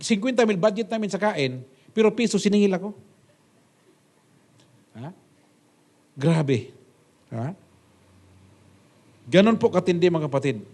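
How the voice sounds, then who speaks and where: Male pastor, high-pitched, emphatic sermon delivery with swings between loud exclamations and soft asides. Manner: emphatic preaching, repeated rhetorical "Ha?".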